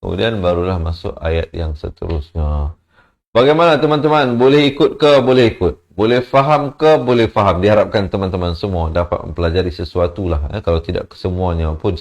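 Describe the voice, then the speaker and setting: A man with a Malaysian Malay accent teaching Quran recitation rules. He chants short phrases, then drops into quiet spoken explanation and patiently corrects mistakes syllable by syllable. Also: deep voice.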